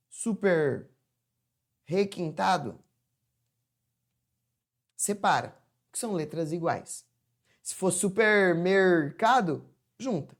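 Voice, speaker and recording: A woman with a Brazilian Portuguese accent teaching a grammar lesson. She asks herself questions and then answers them with emphasis. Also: mid-range voice.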